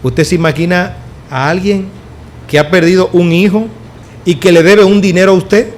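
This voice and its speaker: A middle-aged man preaching a sermon as pastor, swinging between loud declarations and soft low asides. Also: steady tone, normal speed. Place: church.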